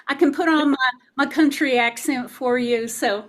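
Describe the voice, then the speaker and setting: High, enthusiastic woman interviewer. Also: normal speed. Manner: enthusiastic, promotional, upbeat. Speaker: interviewer and retreat organizer. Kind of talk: casual interview chat.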